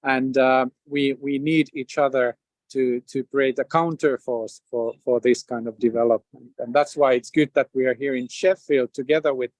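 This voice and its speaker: Host, male, from Finland, halting delivery with restarts, dry close sound. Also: medium pitch, steady tone, darkish tone, dry recording, low-quality recording. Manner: halting, many repeated words and fillers. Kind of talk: hosting a community video event.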